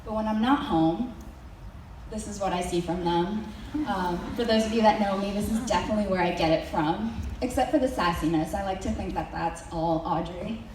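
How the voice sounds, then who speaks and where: This young adult student presenter from Mexico has a medium-pitched, darkish voice at normal speed. She gives her school senior presentation hesitantly, full of ums and dry joking asides, captured from far off in a very echoey hall with slight background noise.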